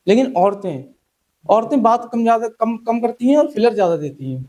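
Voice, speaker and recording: A man's voice: extremely high pitch, sing-song, normal speed, mellow, low-quality recording. A young man doing a stand-up comedy set, chatty and teasing the crowd, acting out the people he quotes.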